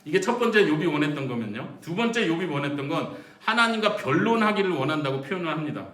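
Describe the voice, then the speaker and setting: Echoey distant male preacher, higher voice. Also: lively intonation, quick pace, fairly bright tone. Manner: emphatic, questions the congregation directly; dramatizes pleading prayers in a raised voice. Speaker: missionary preacher. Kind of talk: sermon. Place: church sanctuary during a midweek service. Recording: echoey church room, voice from a distance.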